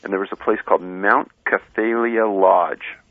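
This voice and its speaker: A man's voice: lowish voice, steady tone, moderate pace, no room sound. A man speaking as an interview guest over the phone, hesitant with restarts. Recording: tinny phone line, dry.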